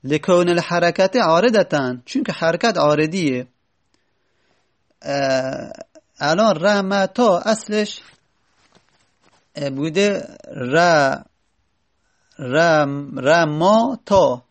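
A man giving a grammar lesson, patiently repeating word forms and slowly dragging out their syllables. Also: fairly high pitch, lively intonation. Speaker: teacher.

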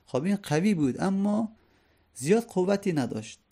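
A man's voice: sits high, animated, warm tone. A man teaching a lecture on classical poetry, explaining each verse line by line and asking his listeners rhetorical questions.

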